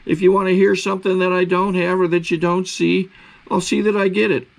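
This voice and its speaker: A man's voice: sits high, level tone, brisk, creaky, rough recording. A man giving an informal, plain-spoken introduction as the host of an audio archive channel.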